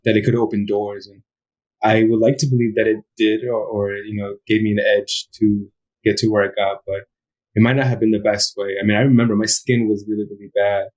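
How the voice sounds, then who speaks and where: A man's voice: on the low side, flat delivery, brisk, a little mellow, rough recording. A young man talking as a podcast guest, reflective and loose, with lots of "like" and "you know" as he thinks aloud. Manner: reflective, many fillers, hesitant restarts. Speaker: guest, footwear designer. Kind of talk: casual interview chat.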